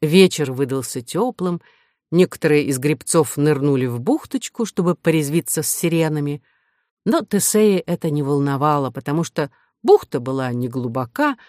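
Woman audiobook narrator: low-set voice, even storytelling read, dry close sound. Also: moderate pace, dry recording.

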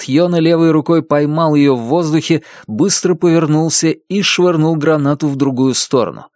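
A man narrating an audiobook thriller in an even, measured reading voice. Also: mid-range voice, no room sound, studio quality.

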